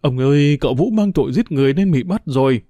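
A man's voice: medium pitch, sing-song, fairly quick, dark tone, dry recording, natural voice. A man voicing a distraught middle-aged female servant who wails and cries out in an audiobook. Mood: anxious. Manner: wailing, crying out.

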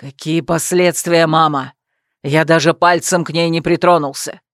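Audiobook: woman reads a fed-up young son, low and pleading, dry mic. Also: fairly even intonation, moderate pace, no room sound, lightly acted. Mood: exasperated. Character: young man, exasperated son.

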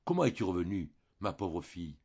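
Casting: a frail, tender older lady, read by a male narrator, soft and husky, dull sound. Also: sits low, big pitch swings, a little fast, full character voice. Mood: tender, sorrowful. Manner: soft, trembling speech.

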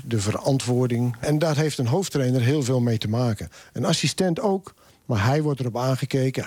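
A man's voice: mid-range voice, slightly rough, dry recording. A man in his sixties, an assistant football coach, talking casually and thoughtfully in a radio interview. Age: 60s. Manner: relaxed, thoughtful, frequent hesitations.

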